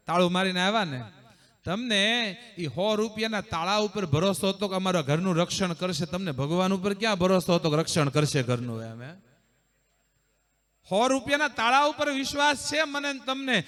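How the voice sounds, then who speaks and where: Brief: male preacher, high bright voice, emphatic sermon delivery to a crowd. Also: animated, normal speed. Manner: emphatic, addresses audience directly. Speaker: religious preacher. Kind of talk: devotional sermon. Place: live religious gathering.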